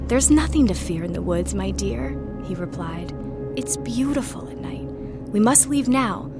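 A haunted young storyteller over music. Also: female voice, medium pitch, expressive, measured pace. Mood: tense. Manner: earnest, tense storytelling. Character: young woman recalling a horror from her girlhood. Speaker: first-person narrator. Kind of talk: scripted horror narration. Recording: music bed under voice. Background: clear music.

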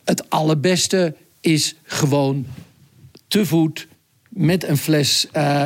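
A male correspondent telling a radio interview about events around him, in a vivid, chatty way with frequent hesitations. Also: on the high side. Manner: vivid, conversational storytelling with hesitations. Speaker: foreign correspondent. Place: Nairobi, Kenya.

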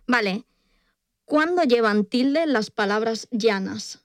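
Chatty Spanish woman podcast co-host, smooth voice. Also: fairly high pitch, expressive, slow pace, no room sound, studio quality. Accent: Spain Spanish. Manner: chatty, teasing, laughs often. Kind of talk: casual chat.

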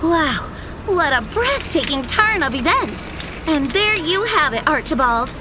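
Adele Pepper: a dramatic pepper reporter. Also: female voice, high voice, sing-song, measured pace, heavy background noise. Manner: breathless, over-dramatic reporting.

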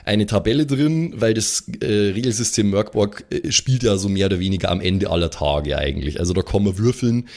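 This Austrian-accented man, a tabletop game master and podcast regular, speaks German casually and reflectively, sprinkling in English gamer slang. His voice is fairly low, a little mellow and creaky, and his delivery is animated and brisk with hardly any pauses.

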